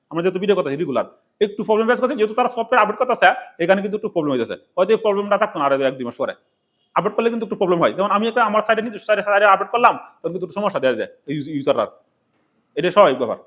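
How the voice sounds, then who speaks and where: A man talks through a casual how-to lesson in a high, bright-sounding voice. He races along at a very quick clip, repeating himself and posing questions that he then answers. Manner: rambling, repetitive, asks and answers his own questions. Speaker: tech tutorial presenter. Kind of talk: casual spoken tutorial.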